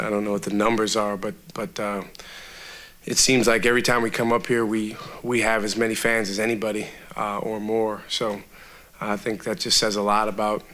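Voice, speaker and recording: A college basketball coach in his thirties answers reporters at a post-game press conference, speaking into a table microphone in front of a sponsor backdrop. His voice is lowish, and his replies are steady and measured but full of fillers.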